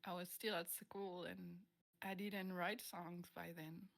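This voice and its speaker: A woman's voice: lowish voice, level tone, takes it slowly, gravelly. A woman from France, a native French speaker, chatting casually in an interview about her music and laughing often as she searches for English words.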